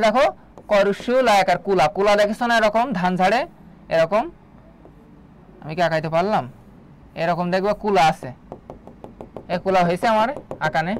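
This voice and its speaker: A man's voice: sits high, slight background noise. A man teaching an online exam-prep biology class, quizzing students and repeating key terms to drill them. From Bangladesh. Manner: quick, drilling delivery.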